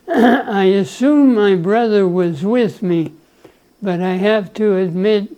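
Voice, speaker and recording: Slow, mellow-voiced man in his nineties. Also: high-pitched, clear, resonant tone, rough recording. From El Salvador. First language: Spanish. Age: 90s. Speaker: grandfather being interviewed. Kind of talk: relaxed life-story interview.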